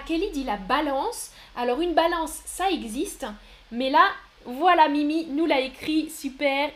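A woman teaching a live online French lesson, speaking slowly and clearly, praising students and reading their chat replies aloud. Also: sits high. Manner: slow, clear, encouraging, reads chat names aloud.

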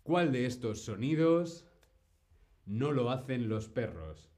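Man, live-stream language teacher, slow and deliberate. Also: mid-range voice, sing-song, warm tone. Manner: slow, clear, greets chat by name, imitates animal sounds.

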